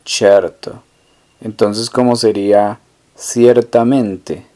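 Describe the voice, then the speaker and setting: Slow, measured male language teacher. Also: mid-range voice, a little mellow. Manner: poses a phrase, pauses, then repeats the answer twice. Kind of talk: slow, deliberate language lesson narration.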